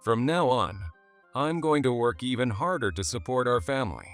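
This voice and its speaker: A man's voice: mid-range voice, expressive, moderate pace, a bit bright, clean tone, faint music behind. A man voicing an offhand, demanding young husband who freeloads off his wife, in a storybook narration. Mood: eager.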